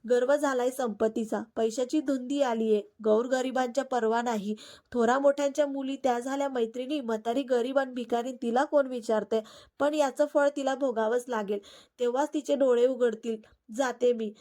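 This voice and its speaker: A woman's voice: fairly high pitch, fairly even intonation, normal speed, dark tone, close to an everyday voice. A woman voicing an old woman, a goddess in disguise, who scolds a proud queen. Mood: indignant. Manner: scolding, reproachful.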